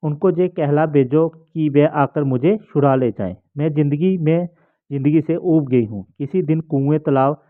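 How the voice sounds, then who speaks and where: A man's voice: on the high side, unhurried, close to an everyday voice. A man reading the part of a lonely, frightened young wife from a play, timid and plaintive. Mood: tearful. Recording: tinny phone-like sound.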